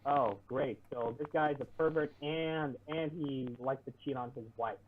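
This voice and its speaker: Muffled man, as if through a wall. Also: medium pitch. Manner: halting, stumbling restarts. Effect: muffled, as if heard through a wall. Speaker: online show co-host reading an article. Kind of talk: reading aloud with sarcastic asides. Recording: muffled, distant, lo-fi mic with popping and faint hiss.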